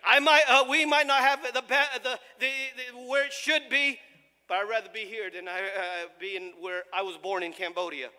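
A male pastor who grew up in the United States, preaching a sermon with impassioned, shouted emphasis and frequent stumbles. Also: high-pitched, fairly even intonation, normal speed, clear, resonant tone. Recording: long reverb of a large hall.

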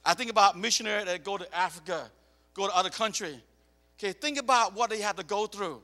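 Missionary preacher, man born in Cambodia and raised in America; high, bright, gravelly voice, animated delivery that repeats and restarts, echoey church hall. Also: fast. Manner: animated, repeats words and restarts, tells personal stories. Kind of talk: sermon.

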